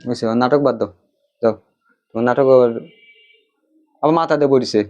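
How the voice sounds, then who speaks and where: Man, mocking husband, quick talk, muffled lo-fi sound. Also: mid-range voice, darkish tone. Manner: dismissive, mocking, teasing. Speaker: husband in a family skit. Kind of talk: acted domestic quarrel skit. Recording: dull lo-fi sound.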